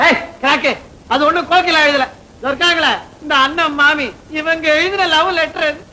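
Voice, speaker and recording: A man's voice, very high and bright, plays an exasperated, mocking young husband in an old film comedy. He fires back retorts with a sharp edge. Faint noise hangs behind him. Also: fairly even intonation, normal speed, exaggerated voice, poor audio. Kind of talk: 1960s Tamil film comedy acting.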